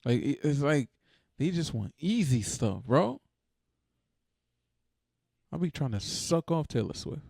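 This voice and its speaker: Gravelly-voiced man ranting casually. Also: a little high, big pitch swings, slow pace, pauses often, a little mellow, dry recording, studio quality. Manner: blunt, profane, exasperated. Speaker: reaction video host. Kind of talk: casual reaction rant.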